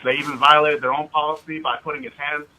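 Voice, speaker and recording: This American caller, a citizen activist, has a slightly high, bright, forceful voice that moves little in pitch and runs fast. Despite his hesitant, wordy delivery he's insistent, heard on a dull lo-fi phone recording.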